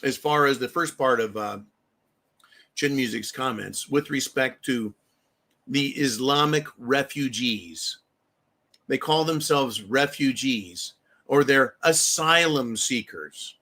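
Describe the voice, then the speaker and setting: A livestream host with a mid-range voice speaks slowly, sounding pushed and bright. In casual stream commentary he rants bluntly with heavy profanity and acts out the voices of the people he quotes.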